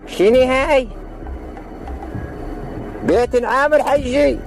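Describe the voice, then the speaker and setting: A man's voice: very high voice, slow, gravelly, full character voice. A man playing a fussy, nagging villager who complains in an Iraqi Arabic accent, in a comic skit. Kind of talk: comic dialect dialogue. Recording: music behind the voice.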